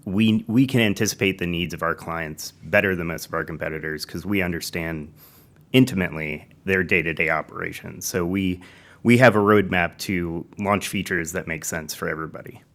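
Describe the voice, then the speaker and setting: A man appearing as a guest on a business podcast, explaining his company's software in a measured, steady way. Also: low-pitched. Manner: measured, explanatory, slight repetitions. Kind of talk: business interview talk.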